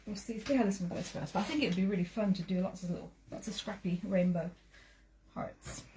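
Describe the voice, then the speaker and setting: Sewing on her quilting livestream, this woman chats casually and greets her viewers in a warm, mid-range voice that runs a little fast. The audio is noisy, typical of a home stream.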